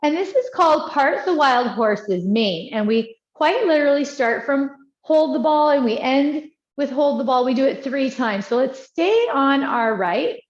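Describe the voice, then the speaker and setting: A woman teaching tai chi, giving calm, encouraging movement cues in short, unhurried phrases. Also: high-pitched. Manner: encouraging, praising as she guides. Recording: dull, echoey room sound.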